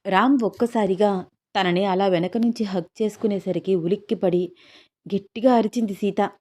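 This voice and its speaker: A woman storyteller reads a romantic audio story in a soft, intimate voice. Her pitch sits in the middle of the range for a woman, and she tells it as a steady narration. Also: normal speed.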